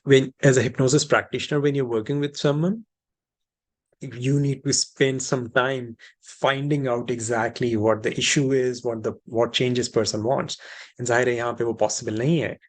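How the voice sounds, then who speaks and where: A man with or as his language leads an informal group session as a hypnosis practitioner. He explains things reassuringly, often repeating and rephrasing his key phrases, at a middling pitch. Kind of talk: informal teaching and question session, switching between two languages.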